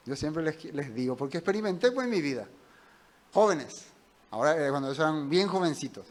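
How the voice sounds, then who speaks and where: Male pastor, slightly high voice, conversational sermon, rhetorical questions.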